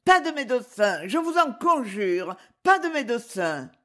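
A distraught noblewoman in tears, as a woman reading a novel aloud puts her on. She pleads in a high, trembling voice that rises and falls sharply, slow and dramatic. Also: big pitch swings, a bit bright. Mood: anguished. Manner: pleading, tearful. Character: grieving young noblewoman, tearful and dramatic.

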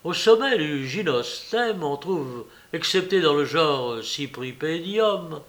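A man's voice: a little high, lively intonation, slow pace, a bit bright. A man voicing a young, pedantic scholar who lectures precisely on botany in a read-aloud story. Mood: lecturing.

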